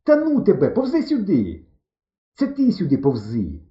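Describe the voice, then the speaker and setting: A man reading an audiobook voices a frightened, exasperated young boy who yells in a high, strained voice, on a roomy, dull recording. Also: big pitch swings, brisk. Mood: irritated.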